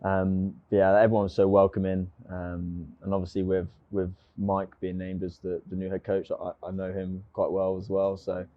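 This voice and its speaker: Here the same kind of guest, a young rugby player from near London with a southern English accent, chats casually and self-mockingly, full of fillers like "um" and restarts. He speaks low and monotone at a normal speed, hardly pausing, in lo-fi audio with no room sound.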